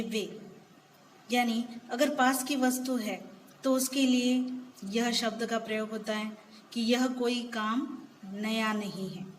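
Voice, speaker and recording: A woman gives a grammar lesson at a slow, deliberate pace, patiently working through example after example. Her voice sits a little high for a woman. A faint long reverb and light background noise hang behind her. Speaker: teacher.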